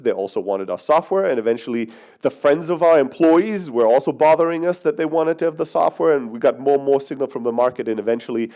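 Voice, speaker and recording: With a mellow, medium-pitched voice, a Greek man in his thirties who grew up in Germany gives a conference-hall keynote that's brash and joking, peppered with the occasional swear at the audience's expense.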